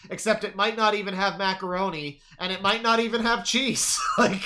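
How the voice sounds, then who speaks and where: A man streaming profane reaction commentary on a cooking video, jumping from loud outbursts to mumbled asides and stammering as he riffs. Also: sits high, brisk. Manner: stammers and restarts while riffing.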